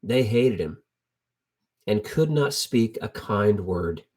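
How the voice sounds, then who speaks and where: Teaching from the Bible, this middle-aged man tells stories in a casual, colloquial sermon, driving points home by repeating phrases. His lowish voice has lively intonation, a slow pace, and a slightly mellow, slightly rough quality.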